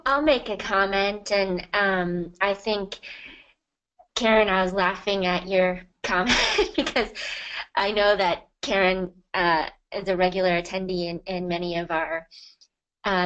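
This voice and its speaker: A woman's voice: on the low side, fairly bright tone, clear, resonant tone. A woman joining a live webinar discussion to make a chatty comment, with a few restarts. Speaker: webinar participant. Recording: dull lo-fi audio.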